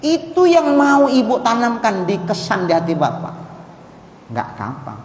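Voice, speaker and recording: A man, preaching a conversational sermon to women, dropping into hushed prayer tones. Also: very high-pitched, wildly swooping pitch, measured pace, slight background noise. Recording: echoey hall with faint ambience.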